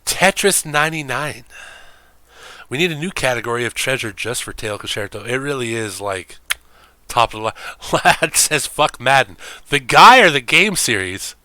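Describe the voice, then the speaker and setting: Male streamer, bright, forceful voice, rambling, profane, dry close sound. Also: medium pitch, sing-song, moderate pace, dry recording. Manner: rambling, profane, laughing often. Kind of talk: casual stream commentary.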